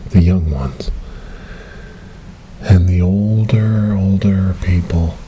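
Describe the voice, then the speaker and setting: This whispered ASMR horror role-play features a man as a calm, hypnotic government paranormal investigator, low-pitched and hushed with an ominous mood. His soft, breathy voice often falls to a whisper as he speaks deliberately and repetitively. A close binaural microphone gives a noisy recording.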